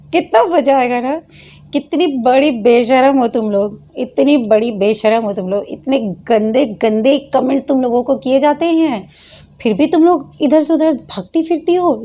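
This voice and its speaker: High-voiced woman mocking and scolding. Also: mellow, lo-fi sound. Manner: scolding, mocking, laughs often. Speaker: channel host. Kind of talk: mocking reaction commentary.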